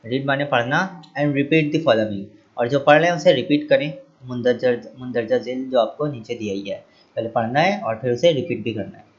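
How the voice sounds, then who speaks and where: Teacher spelling English words, dull audio. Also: male voice, medium pitch, fairly quick, breathy edge. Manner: spells words letter by letter, then repeats and translates; asks rhetorical questions to the class. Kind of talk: explaining English vocabulary to children.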